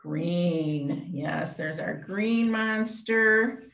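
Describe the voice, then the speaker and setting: A middle-aged woman with a lowish, fairly bright voice and vocal fry speaks very slowly while leading children in an interactive storytime. Using short phrases and simple questions, she joins a webcam video call from a small room at home, the computer mic a step away capturing a roomy echo.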